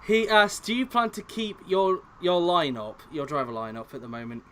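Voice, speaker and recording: A man's voice: high-pitched, steady tone, moderate pace, sharp tone. A man hosting an online racing league press conference, reading out questions with lots of fillers. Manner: reads out chat questions, hesitant fillers. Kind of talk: casual online league chat.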